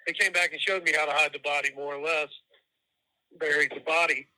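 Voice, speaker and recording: A man talks over a prison phone line in a halting, plain way, starting over and repeating words as he goes. His voice is raised and very bright, with a sharp, cutting edge. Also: a little high, fairly even intonation. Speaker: prison inmate calling in. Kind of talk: candid phone call.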